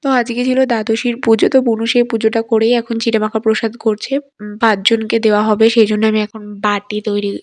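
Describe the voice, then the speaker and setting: A young woman with a Bengali accent chatting casually to her vlog viewers, sometimes hushed so as not to wake her family. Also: fairly high pitch, fast talker. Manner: hushed late-night talk; excited pointing at fireworks. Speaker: vlogger.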